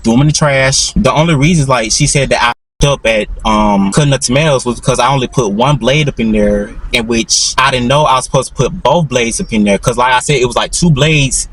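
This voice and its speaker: A man's voice: medium pitch, a little fast, hardly any pauses, fairly bright tone, slightly rough, low-quality recording. Rambling young man telling a storytime. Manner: rambling, restarts a lot, says "literally" constantly. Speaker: vlogger. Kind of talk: storytime monologue.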